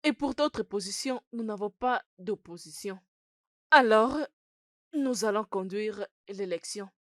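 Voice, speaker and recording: Teacher, woman, film dub: measured, formal, very slow delivery, dry close mic. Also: mid-range voice, no room sound, close to an everyday voice. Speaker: school teacher.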